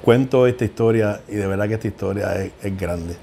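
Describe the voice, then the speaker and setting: A man's voice: lowish voice, a little fast, vocal fry, mellow, slight background noise. A middle-aged man, an equine veterinarian, telling heartfelt stories in an interview. He often repeats words as he searches for them. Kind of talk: emotional interview storytelling.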